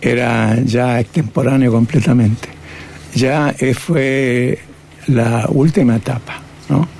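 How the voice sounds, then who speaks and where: Older man, gravelly, mellow, reflective, interview guest. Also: mid-range voice, steady tone, slow pace, slight background noise. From Chile. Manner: reflective, tags phrases with "¿no?". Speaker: guest cartoonist and painter. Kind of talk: reminiscing interview.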